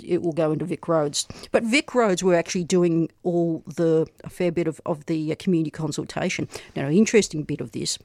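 Australian woman, radio host, casual chat, quick asides, dry studio sound. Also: on the low side, darkish tone, dry recording. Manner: chatty, self-deprecating, quick asides.

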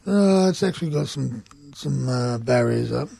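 Australian male, heavily gravelly and husky, blunt colloquial storyteller for casual radio chat, close dry sound. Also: medium pitch, lively intonation, normal speed, dark tone, no room sound. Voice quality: gravelly, rough. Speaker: union organiser reporting on site visits. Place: community radio studio.

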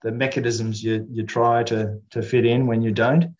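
An Australian man with a mid-pitched voice hosts a community radio interview. He speaks plainly and informally, with some hesitation. The audio is a little dull and lo-fi. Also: level tone, moderate pace, darkish tone.

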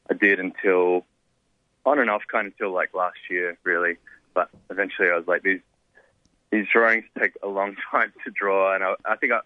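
A man's voice: fairly low pitch, no room sound. A man being interviewed as a guest cartoonist, talking in a laid-back, rambling way full of "like" and "um". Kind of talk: casual interview. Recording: tinny phone line.

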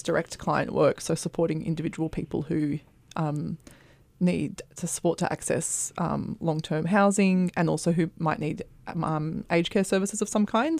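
Creaky-voiced woman, radio guest. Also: on the low side, darkish tone, no echo. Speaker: guest, housing support worker. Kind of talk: casual radio interview talk. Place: radio studio.

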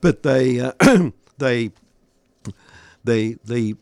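An older man giving conversational news commentary as a host, halting often and using wry understatement. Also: medium pitch, animated, gravelly, darkish tone, no echo. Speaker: talk show host.

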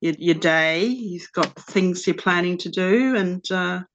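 A woman's voice: on the low side, takes it slowly. A woman hosting a casual radio interview in a rambling, informal, self-deprecating way. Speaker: radio host. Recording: slightly dull, lo-fi sound.

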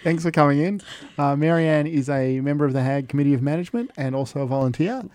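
A man's voice: on the high side, quick pace, a little mellow, no echo. A man hosting a community radio show with a dry, teasing manner. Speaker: host. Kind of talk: casual radio chat.

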